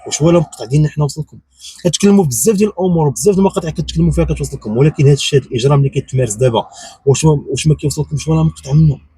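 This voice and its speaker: A man's voice: fairly high pitch, mellow, slightly rough, no room sound. A man with a Moroccan accent giving unscripted opinion commentary, insistent and repetitive, firing off rhetorical questions. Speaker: YouTube commentator.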